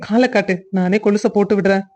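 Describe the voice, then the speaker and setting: A woman's voice: medium pitch, fairly even intonation, fast talker, darkish tone, close to an everyday voice. A woman voicing a young cartoon husband who teases and bosses his wife with affection. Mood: playful. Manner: teasing, bossy. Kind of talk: cartoon family drama voice acting.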